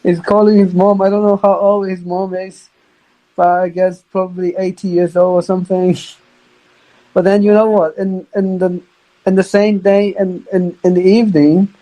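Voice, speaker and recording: A young man, speaking as a guest on a podcast. His voice sits a little high with a soft, mellow tone. He talks casually but haltingly, restarting sentences and repeating words as he goes. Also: flat delivery, poor audio. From China. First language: Chinese. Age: young adult. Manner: halting, repeats words, non-native grammar. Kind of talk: casual storytelling.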